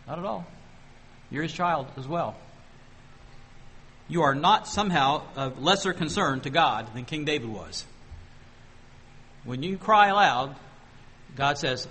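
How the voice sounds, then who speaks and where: A man preaching a sermon, asking the congregation questions and slowing down to read scripture aloud. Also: a little high, lively intonation, pushed and bright, a little hiss or hum. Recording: long hall reverb.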